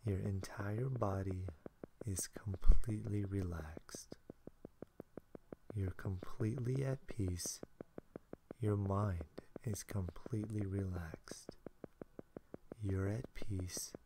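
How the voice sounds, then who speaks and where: A man softly whispering a soothing sleep hypnosis in a hushed, breathy way. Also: lowish voice, slow pace, pauses often, background noise.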